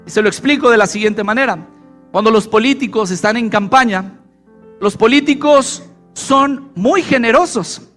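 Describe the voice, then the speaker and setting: High-voiced pastor preaching a sermon. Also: male voice, bright, forceful tone. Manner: asks the congregation questions and repeats key phrases. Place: church.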